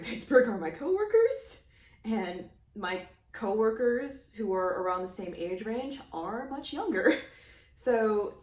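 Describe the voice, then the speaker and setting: Woman, 30, casual crochet vlogger, lowish pitch, filler-heavy rambling, echoey room. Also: distant mic. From Houston, Texas. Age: 30s. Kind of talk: casual chat.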